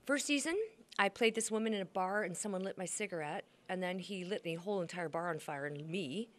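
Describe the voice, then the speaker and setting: A woman over sixty, a grandmother and actor, speaks in a fairly quick, slightly bright, low-ish voice. As a guest in a casual interview, she chats away and tells stories, acting out the quotes.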